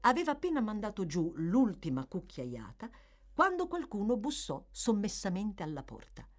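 A woman narrating a classic novel as an audiobook, in an expressive, measured reading. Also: mid-range voice. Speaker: audiobook reader.

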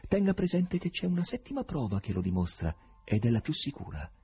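A man's voice: medium pitch, big pitch swings, fairly quick, mellow, slightly rough, pitched above the performer's own voice. A man voicing an eccentric foreign male professor who talks theatrically in a storybook reading. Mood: pleading. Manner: theatrical, swings from laughter to severity.

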